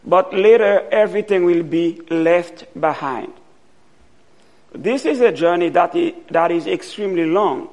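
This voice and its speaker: Slow, gravelly-voiced man from Haiti preaching. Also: high-pitched, darkish tone. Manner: slow and deliberate, pausing often. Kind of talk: sermon.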